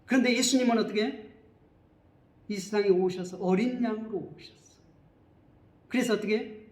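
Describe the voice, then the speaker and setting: A man's voice: high-pitched, moderate pace, darkish tone, reverberant. A man preaching a sermon as pastor, who keeps asking the congregation questions and then answering them himself.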